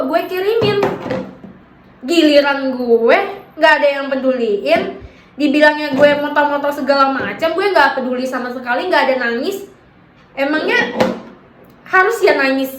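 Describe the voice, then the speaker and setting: Young woman ranting through her story, kinda high voice, slangy and defensive, echoey room. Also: slight background noise. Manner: slangy Jakarta-style casual talk, defensive and emphatic. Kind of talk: personal storytime vlog.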